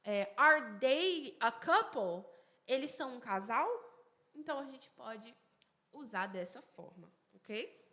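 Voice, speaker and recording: A woman teaching an English grammar lesson in a bright, slightly high voice. She builds each rule step by step, says example sentences slowly, and poses a student's question aloud before she answers it. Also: expressive. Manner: explains slowly and repeats examples, asks herself questions aloud.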